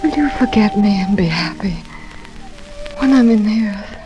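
An actress in an old radio drama playing a dying, feverish young wife, tender and yearning, speaking faintly and often near a whisper. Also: female voice, medium pitch, over music, natural voice, poor audio. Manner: slow, faint, melodramatic delivery. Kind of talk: 1940s radio drama acting.

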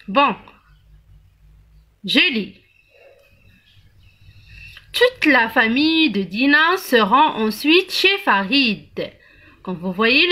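A woman teaching young children to read, spelling out letters and syllables slowly and praising the class often. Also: high voice, sharp tone. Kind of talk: early reading lesson for young children.

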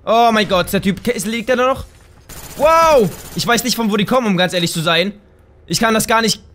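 A man doing let's play gameplay commentary, chatting straight to his viewers and breaking into loud, excited shouts. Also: high-pitched, fairly quick, a little hiss or hum. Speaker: gaming channel host.

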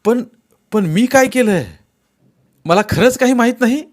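A man's voice: very high voice, measured pace, pitched above the performer's own voice. A man doing a bewildered, pleading accused man. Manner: pleading, flustered. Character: bewildered man, protesting his innocence.

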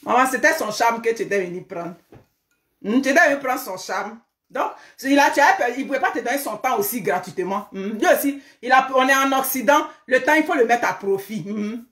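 A woman holds forth in a live online commentary, her voice pitched high as she scolds and repeats herself for emphasis. She keeps throwing out rhetorical questions. The room around her rings with echo. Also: animated, brisk, a bit bright. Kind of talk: live social media commentary.

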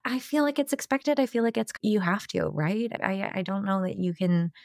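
A woman's voice: medium pitch, vocal fry, darkish tone, dry recording. Dry-voiced woman co-hosting a political podcast. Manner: conversational, quick asides and restarts. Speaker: podcast co-host. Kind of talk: casual political chat.

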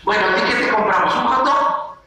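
A male preschool teacher, teaching young children in an animated way and acting out feelings in playful voices. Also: high voice, brisk. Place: classroom. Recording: very echoey room, voice from a distance, faint noise.

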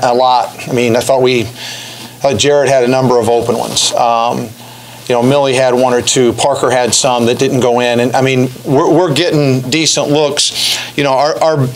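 A middle-aged man, a basketball coach, answering press questions after a game, halting with many fillers and restarts, speaking into a podium stand mic. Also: mid-range voice, low-quality recording. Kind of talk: post-game press conference. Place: press room in front of a backdrop.

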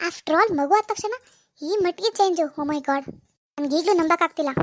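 A woman's voice: very high voice, normal speed, dry recording, clean studio sound. A woman voicing a spiteful, jealous young wife in a cartoon, whiny and scheming. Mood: bitter. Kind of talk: cartoon voice acting.

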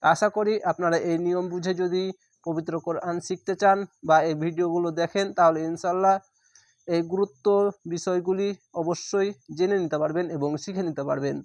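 A man teaching how to read scripture, spelling it out syllable by syllable in a patient, drawn-out way and repeating the rules. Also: sits high, fairly even intonation, no room sound. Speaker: Quran reading teacher. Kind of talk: spelling-out recitation lesson.

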